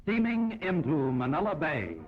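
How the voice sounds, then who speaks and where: A man narrating an old 1940s newsreel in a brisk, upbeat announcer style. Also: on the high side, very animated. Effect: old newsreel sound. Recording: dull lo-fi 1940s film audio with music.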